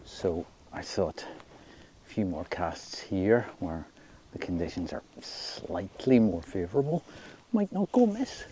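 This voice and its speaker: A Scottish man chatting casually in an unhurried, low-key way, as if musing to himself while presenting his fishing outdoors. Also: very animated, dark tone. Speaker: angler presenting own fishing outing. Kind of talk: casual fishing vlog commentary. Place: outdoors by a loch. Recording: noisy outdoor ambience.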